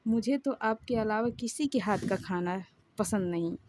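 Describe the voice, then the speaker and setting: A woman's voice: medium pitch, normal speed, background noise, close to an everyday voice. Woman doing a playful young schoolgirl. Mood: affectionate. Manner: innocent, pouty.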